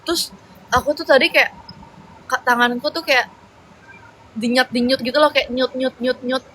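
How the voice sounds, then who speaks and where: Bright-voiced young woman chatting on a livestream. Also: fairly high pitch, slight background noise, poor audio. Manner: chatty and rambling, with slangy fillers. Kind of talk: casual livestream chat, reading viewer comments.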